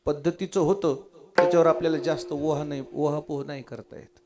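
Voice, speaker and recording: A man's voice: on the high side, brisk. A man with a Marathi accent preaching a devotional kirtan, telling the story animatedly and voicing its characters. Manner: animated storyteller, acting out dialogue, call-and-response. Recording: live kirtan with tabla and harmonium. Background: tabla and harmonium.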